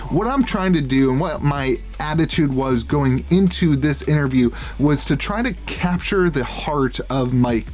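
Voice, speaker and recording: A man's voice: a little high, darkish tone. A man hosting an interview show, chatting casually and enthusiastically with frequent restarts. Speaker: host.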